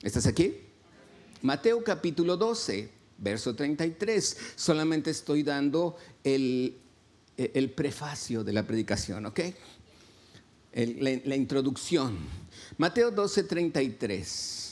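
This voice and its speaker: Slow, animated pastor preaching. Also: male voice, mid-range voice. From Mexico. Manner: slow, lively preaching with questions to the congregation. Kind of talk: sermon. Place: church.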